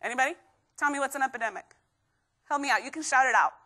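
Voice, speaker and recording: A young woman from Guatemala giving an energetic live motivational talk to students, constantly asking the crowd questions. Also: high voice, very fast. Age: young adult. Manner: energetic, keeps quizzing the crowd. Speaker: motivational speaker.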